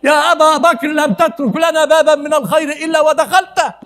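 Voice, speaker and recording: A man's voice: very high voice, steady tone, quick pace, fairly bright tone, pitched above the performer's own voice. A male preacher voicing an earnest, devout man who jokingly complains to a friend in a retold story. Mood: teasing. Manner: playful complaint, laughing.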